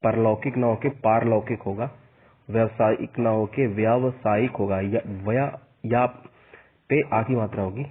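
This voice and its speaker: A man teaching a spelling lesson for an exam, slowly spelling out each vowel sign and repeating the corrections. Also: fairly low pitch, steady tone, breathy edge. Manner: slow and repetitive, spelling out vowel signs. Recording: tinny phone-like sound.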